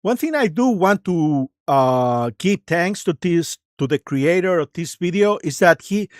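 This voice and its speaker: A livestream host giving casual, improvised commentary in a halting, searching way, with a mocking, sarcastic and combative manner. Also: medium pitch, lively intonation, a little mellow, no echo, studio quality.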